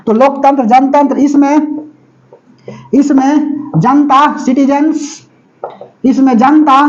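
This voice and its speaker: A male teacher giving a classroom lecture. He repeats himself emphatically, spells words out letter by letter, slows right down to dictate notes and keeps asking whether the class has understood. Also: very high-pitched. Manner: slow and drawn out when dictating; mixes motivational asides with folksy sayings. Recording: dull lo-fi classroom recording.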